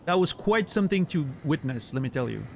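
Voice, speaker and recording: His fairly high, gravelly voice is expressive and a little fast, with slight background noise behind it. A native French speaker from Switzerland with a Swiss French accent, he makes casual conversation with viewers during a game stream, often restarting what he's saying.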